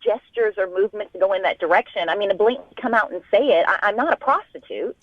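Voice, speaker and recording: A woman speaking over a muffled phone line into a radio show, her pitch swinging widely. She starts out halting and hesitant, then turns indignant. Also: lively intonation. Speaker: caller.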